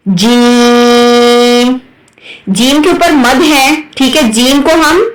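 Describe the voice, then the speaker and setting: Woman recitation teacher, patient, keeps checking "right?", stretches sounds slowly; echoey, off-mic. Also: fairly high pitch, fairly bright tone. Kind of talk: Urdu tajweed lesson, explaining and modelling letter sounds. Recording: echoey room, voice from a distance.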